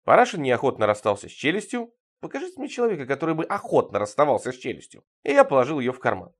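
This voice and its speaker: A man reading a surreal story aloud in a wry, deadpan manner. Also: medium pitch, rapid-fire. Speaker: reader. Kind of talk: dramatic audiobook reading.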